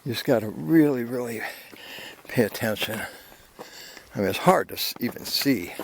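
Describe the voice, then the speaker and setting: A man's voice: medium pitch, expressive, normal speed, vocal fry. An older man talking casually while hiking a canyon trail, out of breath, rambling easily with fillers into his handheld camera. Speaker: hiking vlogger. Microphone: handheld camera while walking. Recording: loud outdoor noise.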